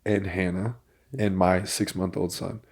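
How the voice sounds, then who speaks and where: Man, fairly low voice, lively storyteller, casual podcast chat. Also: a little slow, creaky, breathy edge. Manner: animated storyteller, builds to excited bursts. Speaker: podcast host.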